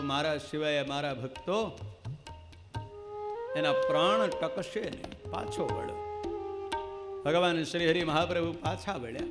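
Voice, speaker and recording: Man telling a devotional scripture story. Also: a little high. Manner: dramatic storytelling, at times chanted. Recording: clear devotional music with tabla behind.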